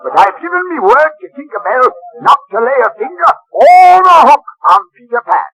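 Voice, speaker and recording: An actor playing a villainous pirate captain in a radio drama, pompous and mock-courteous, gloating theatrically. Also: male voice, very high-pitched, sing-song, moderate pace, pushed and bright, exaggerated voice, poor audio. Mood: silky menace. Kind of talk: 1930s-style radio drama acting.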